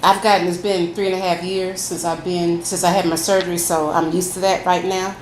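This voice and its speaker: A lowish, flat-sounding female voice talks fairly quickly as a food vlogger eats and chats casually with her viewers, using a folksy "y'all." The mukbang is recorded in an echoey room with faint background noise.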